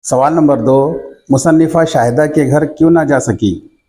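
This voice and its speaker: A male teacher reading out textbook questions and their answers in a slow, measured dictation manner. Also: on the high side, dark tone.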